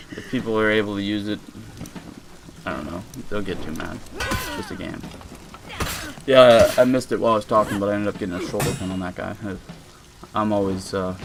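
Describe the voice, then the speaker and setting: A young man with a low-pitched voice rambles through a laid-back voice-over on his own game footage, full of fillers and restarts. The background is noisy.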